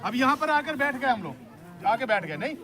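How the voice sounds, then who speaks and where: A man's voice: extremely high pitch, big pitch swings, fairly quick. A man preaching an outdoor sermon by a river, urging the crowd to repeat his lines back to him. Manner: exhorting, leads call-and-response with the crowd. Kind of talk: outdoor sermon at a church picnic. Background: crowd of listeners.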